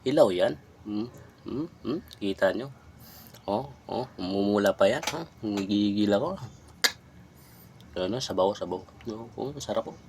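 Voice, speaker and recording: A man vlogging himself eating, chewing between bites and teasing his viewers with a drawn-out, mocking "hmm?". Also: lowish voice, expressive, a little mellow, slight background noise. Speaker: mukbang vlogger. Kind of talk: eating on camera, talking to viewers.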